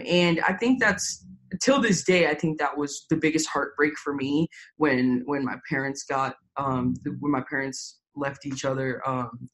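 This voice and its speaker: A woman's voice: very deep voice, a bit bright, low-quality recording. A young woman from Florida talking candidly in an interview, hesitant, full of fillers and the odd swear word. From Tampa, Florida, USA. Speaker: interview guest. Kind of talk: personal interview.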